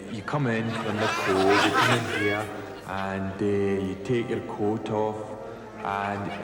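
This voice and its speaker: A man voicing a contented cartoon character in a halting, savouring, conversational way. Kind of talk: conversational animation monologue. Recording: boomy reverberant room, music behind.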